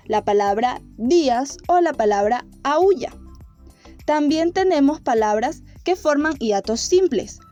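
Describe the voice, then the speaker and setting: A woman teacher with a high, bright voice walks young children through a grammar lesson. She speaks slowly and clearly and explains with playful pictures. Soft music plays faintly under her voice.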